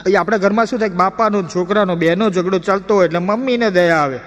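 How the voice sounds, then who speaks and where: A male stand-up comedian and mimic telling animated comic stories on stage, switching into character voices. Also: high voice, fast. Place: stage performance hall with audience. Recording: echoey hall reverb.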